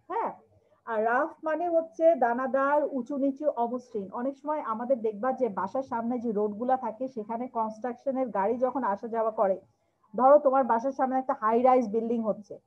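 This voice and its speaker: High-voiced woman teaching vocabulary, tinny sound. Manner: drawn-out repetition of words for drilling. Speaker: English teacher. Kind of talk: classroom lesson explaining vocabulary. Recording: tinny lo-fi phone-like recording.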